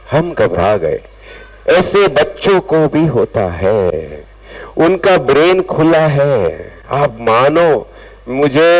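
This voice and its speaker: A man's voice: medium pitch, poor audio. A middle-aged man giving an interactive parenting workshop, calling out to the audience and mixing in English words. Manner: animated, calls out to audience, mixes English words. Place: school event hall with audience.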